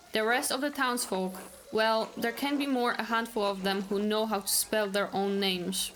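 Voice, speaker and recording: A woman's voice: fairly high pitch, a bit bright, a little hiss or hum. A woman reading a snobbish male village doctor. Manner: haughty, snobbish, reading game dialogue aloud.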